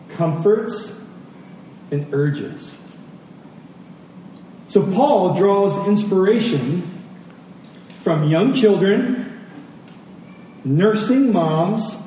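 A man preaches in a conversational teaching style, earnestly reading scripture, asking rhetorical questions and repeating phrases for emphasis. His high-pitched voice is expressive and dark in tone, very slow with frequent pauses. The recording comes from a distant mic in a very echoey hall, with faint noise.

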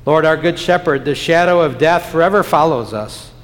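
A man leading prayers in a church chapel in a measured, solemn liturgical cadence, his voice ringing with a cathedral-like echo. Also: fairly high pitch. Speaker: pastor. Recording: long church reverb.

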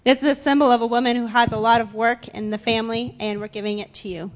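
A woman's voice: a little high, fairly even intonation, fast, lo-fi sound. A young woman interpreting into English for a guest in a church, slightly hesitant with fillers. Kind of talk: consecutive interpreting. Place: church sanctuary.

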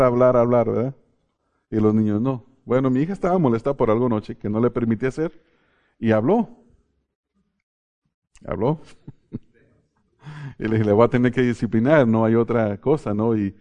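Mellow-voiced male pastor preaching. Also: mid-range voice. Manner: addresses the congregation as brothers, tells personal stories with laughter. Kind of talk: sermon.

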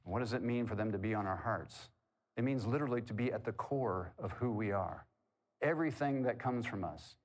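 A man preaching a sermon in a conversational way, asking the congregation questions and tossing in corny jokes. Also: lowish voice. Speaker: pastor.

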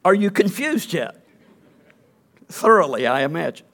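A man's voice: fairly high pitch, big pitch swings, measured pace, fairly bright tone. A middle-aged male pastor giving a conversational sermon, mixing teaching with joking, self-deprecating asides.

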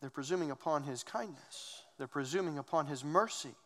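Guy preaching a sermon, kinda high voice, earnest and punchy, long echo like a big church. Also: fairly quick, bright, forceful tone. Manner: earnest, emphatic preaching with rhetorical questions. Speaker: pastor.

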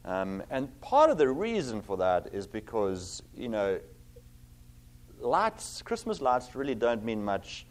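Speaking at medium pitch with huge pitch swings, the middle-aged South African man preaches as a visiting pastor. His sermon is earnest and full of fillers, and his scripture reading is slow and emphatic.

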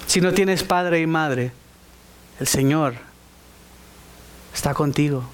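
Brief: male preacher, high voice, emphatic sermon delivery, asks the congregation questions. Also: slow pace, a little hiss or hum. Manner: emphatic, rising to high exclamations; speaks directly to the congregation with questions.

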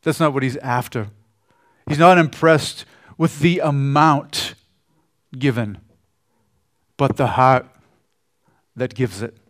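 A man preaching a sermon in a conversational way, often trailing off softly at the ends of phrases. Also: mid-range voice, takes it slowly, long pauses. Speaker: pastor.

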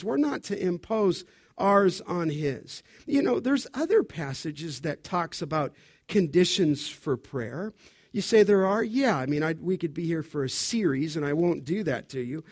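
A pastor preaching an expository sermon, emphatic, pausing to let the congregation fill in key words. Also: male voice, high voice, darkish tone.

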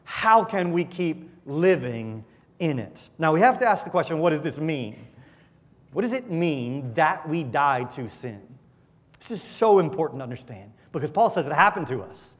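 Male pastor, emphatic sermon delivery with rhetorical questions, higher voice, long reverb. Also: very animated, moderate pace. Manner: emphatic, rhetorical questions, swings loud and soft.

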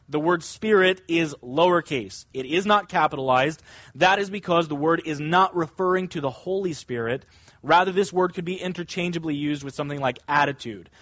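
High-voiced male preacher, emphatic and deliberate. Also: a bit bright, no echo, dull audio. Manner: emphatic, deliberate, with stressed key words. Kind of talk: expository sermon, teaching verse by verse.

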